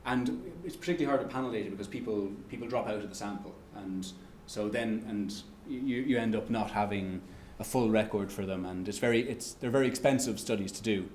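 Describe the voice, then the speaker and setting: At an economics lecture, a man with an Irish accent takes audience questions, his answers halting and riddled with fillers and restarts. He has a lowish, slightly mellow voice, recorded in an echoey lecture room with slight background noise.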